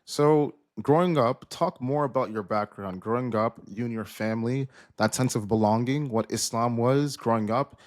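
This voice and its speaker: A man's voice: mid-range voice, normal speed, few pauses. A man hosting a podcast, asking loose, rambling questions in a casual tone. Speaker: podcast host.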